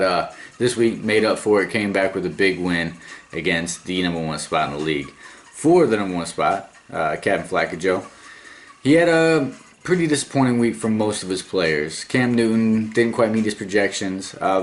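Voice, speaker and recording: A man hosting a casual recap as commissioner of his fantasy football league, laid-back and rambling, with fillers and small chuckles. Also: on the low side.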